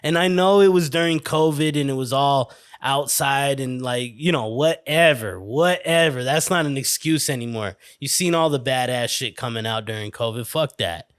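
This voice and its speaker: A man's voice: mid-range voice, moderate pace, hardly any pauses, a bit bright, smooth, no room sound. Dude ranting on his own podcast, rambly and sweary, tons of likes and you knows, super dry close mic. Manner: rambling, profane, lots of fillers and restarts. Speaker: podcast host. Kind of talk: casual solo podcast rant. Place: indoor room with a window.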